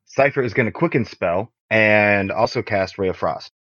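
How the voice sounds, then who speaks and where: Player: man with a very low voice, eager and quick, dull lo-fi dry sound. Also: fairly bright tone, no echo. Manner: quick, eager spell planning. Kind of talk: casual tabletop game play.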